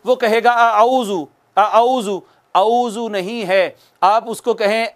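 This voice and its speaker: A man teaches Quran recitation in a very high voice. He speaks slowly and patiently, drawing out each recited word so students can follow. His explanations are calm and deliberate. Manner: slow, patient, repeats drawn-out recited words for students to follow. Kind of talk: slow spoken tajweed lesson with recited examples.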